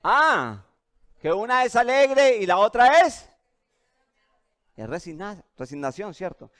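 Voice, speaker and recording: A man preaching a sermon as pastor, questioning his listeners over and over in an animated way. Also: sits high, slow. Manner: animated and questioning, asks the audience often.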